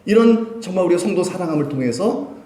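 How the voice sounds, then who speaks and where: A male pastor preaching a sermon. He asks the congregation questions and answers them himself, swinging from loud emphasis to quiet, low lines. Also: expressive, fast, slight background noise. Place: church sanctuary. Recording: echoey church hall.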